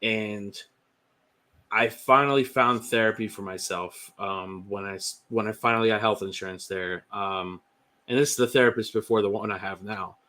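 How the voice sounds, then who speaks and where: Bright-voiced man sharing candidly. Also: on the low side, steady tone, moderate pace. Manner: candid, rambling with many "like"s and "um"s. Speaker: podcast guest. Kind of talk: casual personal testimony.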